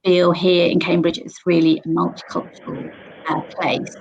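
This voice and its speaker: A woman's voice: lowish voice, level tone, moderate pace, vocal fry, a little mellow, dull audio, slight background noise. A woman in her forties hosting a live online panel, chatty and upbeat, with frequent ums, recorded on a computer mic at home. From Sri Lanka, raised in England. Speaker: host.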